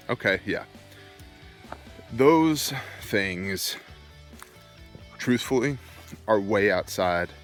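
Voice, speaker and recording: Slow, low-voiced folksy gun-enthusiast man. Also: a bit bright. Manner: deliberate, emphatic, listing points in short phrases. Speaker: homesteading and preparedness video host. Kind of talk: casual off-the-cuff vlog talk to viewers. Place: outdoors, walking on own rural land.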